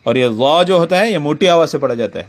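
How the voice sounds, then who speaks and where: A man teaching the sounds of letters in a reading lesson, saying each one slowly and contrasting thin and heavy sounds. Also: a little high, lively intonation.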